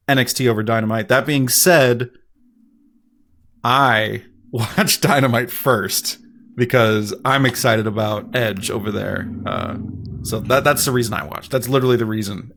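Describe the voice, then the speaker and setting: A man co-hosting a podcast, laid-back and quick to laugh, often answering with short reactions. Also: lowish voice, vocal fry, a bit bright. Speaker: podcast co-host. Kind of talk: casual podcast chat.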